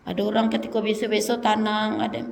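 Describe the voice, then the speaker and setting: A woman preacher, giving an animated sermon in a mosque, swinging between loud emphatic lines and low quiet asides. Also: quick pace, creaky. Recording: long hall reverb.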